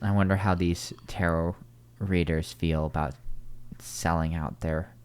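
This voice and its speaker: A man hosting a casual podcast, rambling with quick asides and restarts. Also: low voice, fairly even intonation, clear, resonant tone. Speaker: podcast host.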